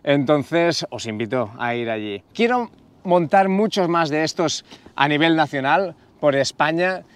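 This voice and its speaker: A man's voice: fairly high pitch, expressive, unhurried, smooth. A young man with a Spanish accent from Spain, hosting a car meetup vlog in casual, enthusiastic, thankful talk full of slang. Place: outdoor car meetup at a racetrack.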